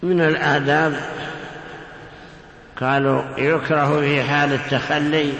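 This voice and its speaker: A man giving a religious lesson, slow and measured, drawing words out in a half-chanted way. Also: a little high, level tone, a bit bright. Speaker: religious teacher. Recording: echoey hall with long reverb, faint ambience.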